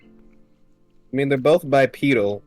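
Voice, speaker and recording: A man's voice: medium pitch, slow, faint music behind. A young man co-hosting a visual novel read-through, chatting in a dry, laid-back way. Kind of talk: casual chat.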